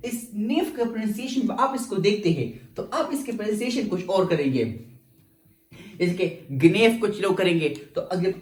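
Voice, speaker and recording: Pakistani male English teacher, classroom lecture, animated pitch, roomy echo. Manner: mixes English with Urdu, asks and answers own questions. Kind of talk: lecturing students.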